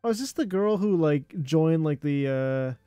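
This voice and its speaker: A man's voice: a little high, lively intonation, normal speed, dark tone, smooth, no room sound, highs cut off. A man streaming casual reaction commentary, rambling and profane with many fillers.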